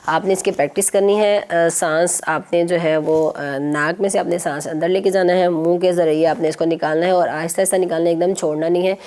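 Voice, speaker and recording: Woman, children's reading teacher, patient and encouraging, slow letter drills, lowish voice. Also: fairly even intonation, darkish tone. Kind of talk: televised phonics lesson for children.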